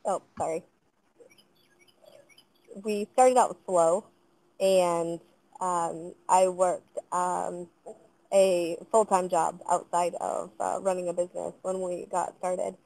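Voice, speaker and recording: A woman in her thirties, a small business owner, answering on a panel over a video call from outdoors in a measured, thoughtful way with frequent ums and uhs. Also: fairly low pitch, flat delivery, gravelly, dark tone, no echo, low-quality recording. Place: outdoors in front of trees. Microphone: webcam on a video call.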